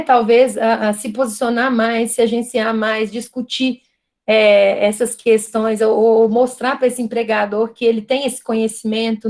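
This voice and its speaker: Here a Brazilian woman, a guest lecturer, talks through an online university lecture in a voice that is a little high with a darkish tone. Her accent is Brazilian Portuguese, and her manner is thoughtful, full of restarts and "né?" tags.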